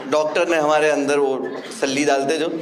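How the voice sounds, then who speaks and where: Animated man doing stand-up comedy. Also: a little high, normal speed, background noise. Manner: animated, shifts from loud punchlines to quiet somber telling. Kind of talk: stand-up storytelling. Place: comedy stage before a laughing audience. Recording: echoey live venue with faint ambience.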